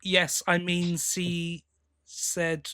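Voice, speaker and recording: This British co-host's voice sits high and sounds sharp and monotone, with drawn-out words. He banters casually in a blokey, teasing style on a podcast fan review.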